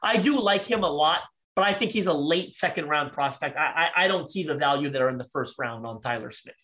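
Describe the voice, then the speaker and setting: A man with a high voice talks through draft prospects on a podcast. He is eager and quick, slightly out of breath, often restarting his sentences. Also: sharp tone. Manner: fast, enthusiastic, many restarts. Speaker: draft analyst guest. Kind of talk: podcast sports talk.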